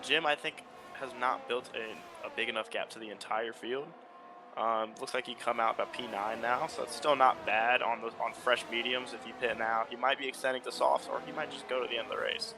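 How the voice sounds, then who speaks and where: A man co-commentates on online motorsport in a mid-range, very creaky voice. He offers conversational analysis of the race as it runs. There is clear noise in the background. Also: medium pitch, bright, forceful tone. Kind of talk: conversational analysis in live sim racing commentary.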